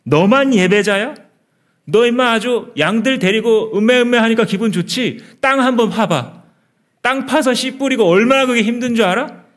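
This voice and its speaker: A man's voice: medium pitch, very animated, unhurried, long pauses, mellow, breathy edge, heavily acted. A man voicing a resentful, jealous young man who rants mockingly at his brother. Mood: ranting. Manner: mocking, ranting, raised voice.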